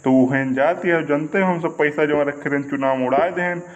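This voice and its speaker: A man's voice: on the high side, moderate pace. Wheedling man, comedy. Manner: pleading, wheedling, excitable. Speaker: comic village election candidate. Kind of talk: village comedy sketch. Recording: lo-fi recording.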